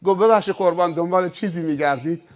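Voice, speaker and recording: A man's voice: high-pitched, close to an everyday voice. A man acting out a frightened rich male driver who stammers and apologizes. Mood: apologetic.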